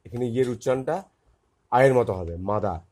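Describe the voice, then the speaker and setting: A man's voice: mid-range voice, lively intonation, dark tone. Bengali-accented male teacher, patient phonics drill, spells letter by letter and repeats each word. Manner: spells out words letter by letter, repeating them slowly. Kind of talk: phonics lesson for young children.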